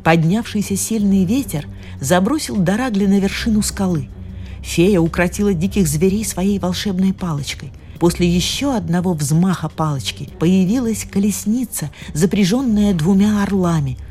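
A woman narrating a fairy tale with expressive storytelling. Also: medium pitch, moderate pace. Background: faint music.

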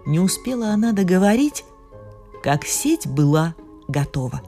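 A woman narrating a fairy tale with expressive storytelling. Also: on the low side, measured pace. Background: faint music.

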